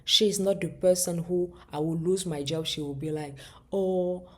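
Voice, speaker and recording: A woman with a low, warm, mellow voice gives a reflective personal talk. Her tone is husky and a little breathy. She speaks earnestly, restarts her phrases often and sometimes drops to a soft near-whisper. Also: steady tone, moderate pace. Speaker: relationship vlogger.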